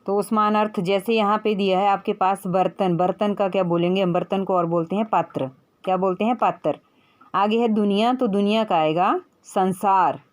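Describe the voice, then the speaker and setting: A woman teacher with a light Punjabi-influenced accent walks young children through a Hindi workbook. Her voice sits at a medium pitch. She speaks patiently, poses questions and answers them herself, and addresses the child as "beta". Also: steady tone, normal speed.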